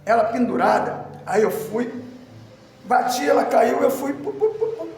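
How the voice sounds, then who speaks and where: A male deacon preaching a sermon in a church, telling a story with animated emphasis, shouted lines and laughter. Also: very high-pitched, a little slow, creaky, a little hiss or hum. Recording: echoey hall from far off with music.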